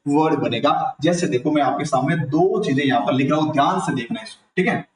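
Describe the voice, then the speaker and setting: A man's voice: fairly high pitch, fairly quick, a little hiss or hum. A man with a Rajasthani Hindi accent teaching an online grammar lesson, asking the class questions and answering them himself. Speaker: tutor. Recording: echoey room, mic far off.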